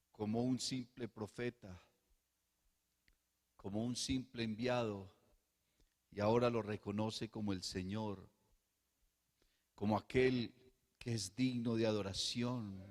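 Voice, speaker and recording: A male pastor preaching a sermon, swinging between soft hushed passages and loud fervent bursts, with rhetorical repetition. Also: medium pitch. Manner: rhetorical repetition and calls of "hermano". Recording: long hall reverb.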